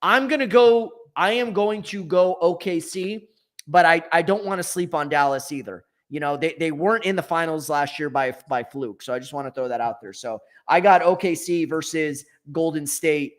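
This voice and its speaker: A man co-hosting a casual sports talk show, thinking aloud and correcting himself as he goes. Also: medium pitch. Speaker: co-host.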